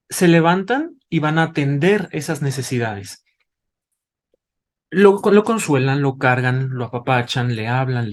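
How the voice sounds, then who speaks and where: A man, a doctor, explaining to parents in a didactic way, asking rhetorical questions as he goes. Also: fairly high pitch. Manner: didactic, asks rhetorical questions, tags with "¿vale?". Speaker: doctor, invited expert.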